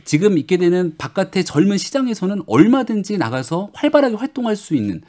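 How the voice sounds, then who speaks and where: Brisk, animated man in his forties. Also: sits high. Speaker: political panelist. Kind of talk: radio panel discussion. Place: radio studio.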